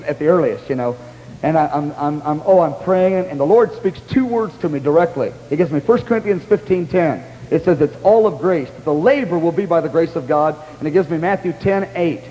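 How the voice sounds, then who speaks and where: A man preaching a testimony in a sermon, telling his story with animated, excitable exclamations. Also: a little high, long reverb tail, a little hiss or hum, low-quality recording. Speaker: pastor.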